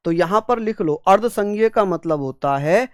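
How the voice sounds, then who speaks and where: A man's voice: high voice, animated, normal speed, dry recording, clean studio sound. A male exam-prep teacher giving an online classroom lecture, drilling points over and over, voicing his students' questions and calling them fond names. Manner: repetitive drilling, voices students' questions, fond terms of address.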